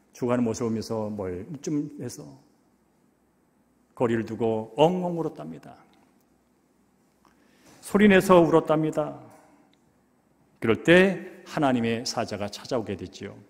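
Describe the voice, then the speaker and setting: Male pastor, mid-pitched, emotive sermon delivery, long reverb of a church sanctuary. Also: animated, moderate pace, pauses often. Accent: Korean. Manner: emotive, swings from hushed to loud.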